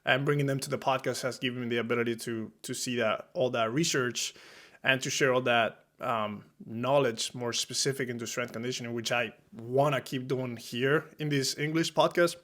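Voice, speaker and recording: A man's voice: mid-range voice, steady tone, moderate pace, a bit bright. A young man from Spain with a Spanish accent, talking loosely and reflectively in a solo podcast, with many fillers and restarts. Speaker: podcast host, strength coach.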